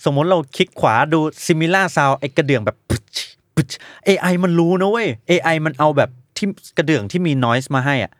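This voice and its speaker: Animated man in casual podcast chat. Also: on the high side, fairly quick, few pauses, no echo, studio quality. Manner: animated, imitates drum sounds with his mouth. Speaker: music producer guest.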